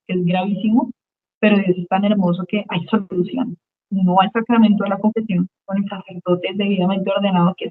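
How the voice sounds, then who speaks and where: A woman tells her personal faith testimony as a guest, earnest and emotional, often repeating a phrase to make it land. Her voice sits at a medium pitch. The sound is narrow and tinny, as if carried over a phone line. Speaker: guest giving a religious testimony.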